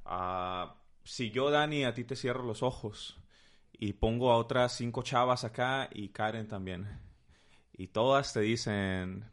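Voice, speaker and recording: Lively Mexican man teaching with examples. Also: mid-range voice, measured pace. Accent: Mexican Spanish. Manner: animated, teaching with playful examples. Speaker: guest speaker.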